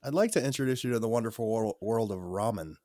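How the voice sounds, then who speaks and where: A man's voice: fairly low pitch, fast talker, mellow, dry recording, studio quality. A man co-hosting a podcast, chatting casually in a laid-back, wry way. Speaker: podcast co-host. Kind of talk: casual chat.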